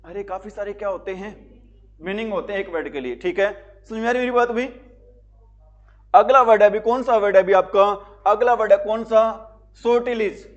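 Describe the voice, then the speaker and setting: A man's voice: sits high, fairly even intonation, normal speed, lo-fi sound. A man teaching an exam-prep vocabulary lesson, repeating each question and answering it himself. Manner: repetitive, quizzing students with call-and-answer questions.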